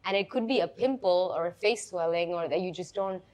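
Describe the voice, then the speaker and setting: A woman's voice: on the low side, brisk, darkish tone. Chatty woman telling personal stories. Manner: chatty, relives stories by acting out quoted lines. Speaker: guest, content creator and entrepreneur. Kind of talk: casual interview storytelling.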